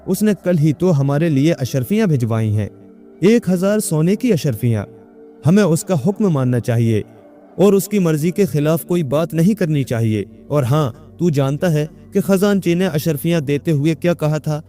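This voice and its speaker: Figure: man doing a worried elderly mother, coaxing and soft, storybook reading. Pitch raised, mellow tone. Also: expressive, soft background music, lightly acted. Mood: pleading. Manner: pleading, coaxing. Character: old mother, worried and pleading.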